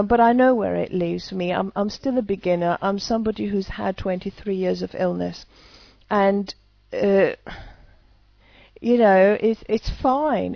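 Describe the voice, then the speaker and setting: A woman's voice: medium pitch, gravelly, dry recording, lo-fi sound. A woman, an EFT practitioner, talking casually to camera with many hesitant restarts.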